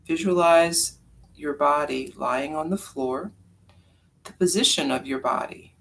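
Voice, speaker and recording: A creaky, mid-range voice guides a yoga nidra meditation, speaking softly and slowly with long gaps. Slight background noise can be heard.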